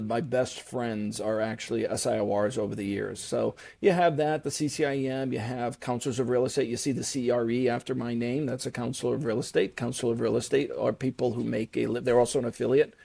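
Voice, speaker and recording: A man's voice: medium pitch, fairly even intonation, a little fast, gravelly, few pauses, warm tone. A middle-aged man, a guest on an interview show, explaining at length in a conversational way, with fillers and restarts. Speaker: guest, commercial real estate broker.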